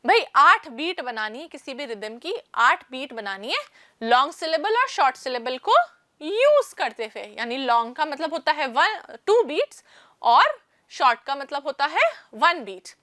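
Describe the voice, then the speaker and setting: This high-pitched woman swings her pitch widely and speaks a little slowly, her tone sharp. She leads an online maths lesson step by step, addressing listeners as "children" and answering her own questions. The recording is dry, with clean studio sound.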